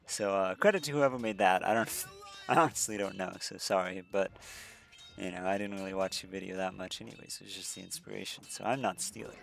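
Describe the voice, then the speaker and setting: A man's voice: low-pitched, a little fast, gravelly, a bit bright, soft background music. A man casually commenting on his own gameplay, rambling and correcting himself with lots of fillers. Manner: rambling, self-correcting, frequent fillers and restarts. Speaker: let's-play commentator.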